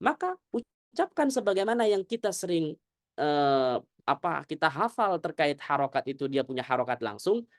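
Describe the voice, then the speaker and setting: A male ustadz teaching tajwid in a casual, relaxed tone. He slows down to show each Arabic sound clearly. He keeps checking whether his students follow. The recording is dry, with almost no room echo. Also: fairly high pitch. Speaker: Quran recitation teacher. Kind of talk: tajwid lesson to a congregation.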